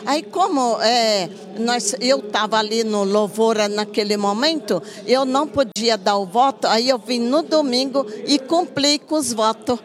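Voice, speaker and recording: A woman's voice: a little high, a little slow, hardly any pauses, a crowd in the background. A woman giving a devout, grateful church testimony in simple words. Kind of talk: spoken testimony.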